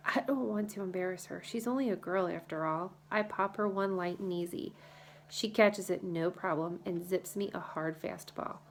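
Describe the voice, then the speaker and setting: Gravelly woman narrating an audiobook. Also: medium pitch, a little hiss or hum. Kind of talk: first-person audiobook narration.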